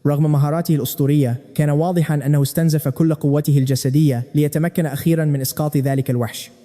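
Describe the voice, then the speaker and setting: Brief: male narrator, fast and dramatic, a touch high, recorded with a long reverb tail. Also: fairly even intonation, dark tone. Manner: dramatic storytelling. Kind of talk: scripted story recap narration.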